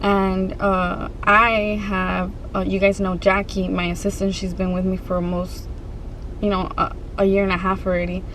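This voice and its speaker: A woman vlogger telling a personal story to her viewers in a casual, conversational way, pausing and restarting as she goes. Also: mid-range voice, completely flat delivery, fairly bright tone, slight background noise, poor audio.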